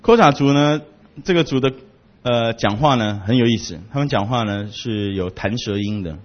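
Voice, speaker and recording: A man from Taiwan, a missionary giving a humorous storytelling talk in an animated, joking way. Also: normal speed, highs cut off. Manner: animated, jokey, big swings in pitch and loudness.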